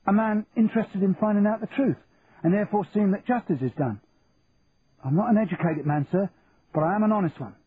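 A man's voice: sits high, a little fast, pitched above the performer's own voice, lightly acted. A man voicing an earnest, honest young lance corporal who talks plainly and respectfully. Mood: defiant. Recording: tinny phone-like, faint hiss.

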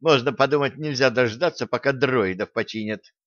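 A man voicing a cheeky, sharp-tongued teenage girl who snaps back indignantly, in a dull lo-fi audiobook recording. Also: mid-range voice, moderate pace, no echo, lightly acted. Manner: indignant, snappy.

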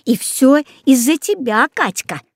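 Spirited indignant schoolgirl, read by a woman, storybook, high voice, dry close recording. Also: big pitch swings, a little slow, no room sound, full character voice. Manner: indignant, then hushed. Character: spirited schoolgirl, loyal friend.

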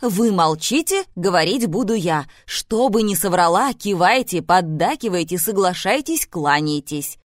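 A woman reading an audiobook voices an excitable, eccentric older mother-in-law with loud, exclamatory, bubbly lines. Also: on the low side, moderate pace, dry recording, studio quality. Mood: excited.

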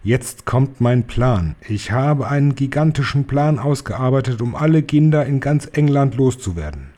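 A man's voice: medium pitch, animated, moderate pace, mellow, pitched above the performer's own voice, close to an everyday voice. A man reading a story aloud, voicing a tiny, furious female witch leader who shrieks and barks orders. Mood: domineering.

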